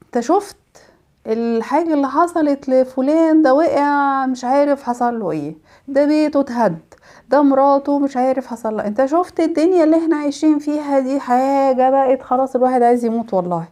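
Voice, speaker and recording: Woman acting as a shrill gloomy doom-monger man. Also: fast, mellow, close to an everyday voice. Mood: alarmed. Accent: Egyptian Arabic. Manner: agitated, exclaiming, shrill. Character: gloomy, doom-spreading middle-aged man, always complaining.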